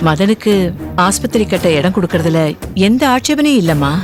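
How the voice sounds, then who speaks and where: An actress playing a gentle older aunt who speaks calmly and firmly about her niece in a TV serial. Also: mid-range voice, close to an everyday voice. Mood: measured. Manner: calm and measured. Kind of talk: TV serial acting. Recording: TV soundtrack with music underneath.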